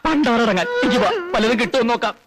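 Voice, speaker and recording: A man's voice: extremely high pitch, expressive, racing. A man playing a bossy, penniless drifter in a film comedy, blunt and exclamatory as he scolds. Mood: scolding. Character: bossy, scolding, broke drifter leading his hungry friend. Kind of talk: broad film comedy acting. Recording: film soundtrack with music behind.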